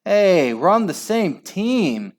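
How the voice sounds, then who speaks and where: A man's voice: mid-range voice, big pitch swings, slow, a bit bright. A man voicing Horrid Henry's kind of character, a sly and defiant young boy who shrieks and protests, in a children's storybook. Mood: indignant.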